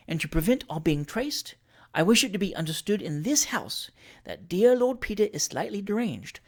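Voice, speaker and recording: A narrator takes on the role of a rich, scheming lady of forty from a period tale, keeping her cool, quiet, dry and commanding with a measured delivery. The pitch is medium, close to an everyday speaking voice.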